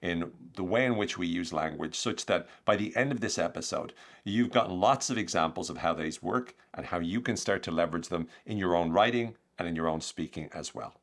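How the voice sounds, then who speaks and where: A man hosting a podcast, explaining techniques in an energetic, conversational way with lots of examples. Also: low-pitched, a little fast. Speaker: podcast host, communication coach.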